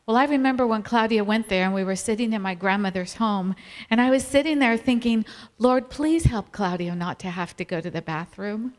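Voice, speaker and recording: A middle-aged woman from Virginia, USA co-presents a family ministry talk, telling stories warmly and laughing often. Her voice is medium-pitched and a little fast, and the hall is reverberant.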